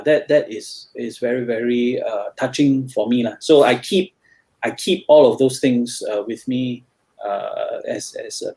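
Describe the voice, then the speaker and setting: A guest tutor with a Singaporean English accent chats casually in an interview, hesitating with many fillers and restarts. His voice is medium-pitched and a little mellow.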